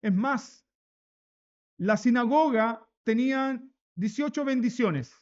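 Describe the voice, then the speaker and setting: A man's voice: very high-pitched, takes it slowly, darkish tone, dull audio. A man preaching a sermon as pastor, emphatic, repeating key phrases and asking rhetorical questions. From Chile.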